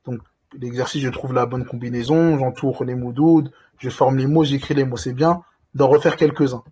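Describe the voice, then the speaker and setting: A man teaching reading in a recorded lesson, patiently walking through each point and slowly stretching out sounds to model how they are said. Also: medium pitch, fairly even intonation, warm tone, breathy edge.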